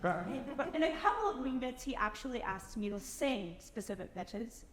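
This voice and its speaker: A woman with a fairly high voice explains her vocal technique to a concert audience in an animated way. The sound is roomy, with a long reverb from the hall around her. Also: moderate pace, noisy background. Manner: animated, demonstrates by speaking and singing. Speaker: singer performing the speaking part.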